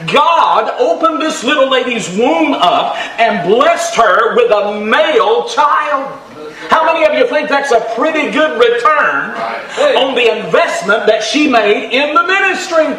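Fervent preacher man, high and bright. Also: expressive, unhurried. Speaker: pastor. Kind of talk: revival sermon. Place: church. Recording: echoey church from far off.

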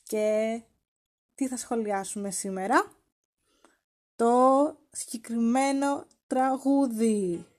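High-voiced playful woman podcaster. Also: pauses often, a little mellow. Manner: playful and teasing, acts out quoted lines. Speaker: podcast host. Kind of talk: casual podcast commentary.

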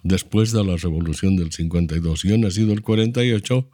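Deep-voiced older Bolivian man explaining history. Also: dark tone, no room sound, clean studio sound. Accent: Bolivian Spanish. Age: 70s. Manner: measured, explanatory, lecturing tone. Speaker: interview guest, architect. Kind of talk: reflective storytelling.

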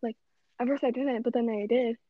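A woman's voice: on the high side, steady tone, brisk, dry recording, narrow, tinny audio. A teenage girl telling a school romance story in casual chat, chatty and dramatic. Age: teens.

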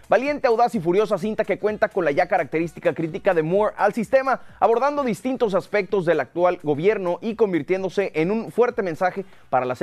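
A man runs through the week's new releases in a brisk, informative, slightly formal radio review. His voice sits high for a man. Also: darkish tone. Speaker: film reviewer. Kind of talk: scripted film review on radio.

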